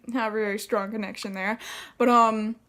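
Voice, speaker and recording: A woman's voice: fairly high pitch, level tone, normal speed, fairly bright tone. A young woman tells a story casually, in a chatty, profane way full of fillers. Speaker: vlogger.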